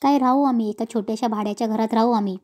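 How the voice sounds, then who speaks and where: A woman's voice: fairly high pitch, steady tone, rapid-fire, dark tone, natural voice. A woman voicing a determined young husband who firmly defends his wife. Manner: firm, earnest.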